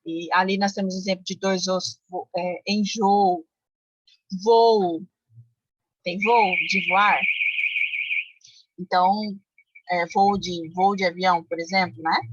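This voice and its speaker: A woman's voice: lowish voice, steady tone, slow pace, long pauses, no room sound, dull audio. A woman teaching a Portuguese grammar lesson online, explaining step by step with frequent checks on her listeners. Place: home, car noise outside.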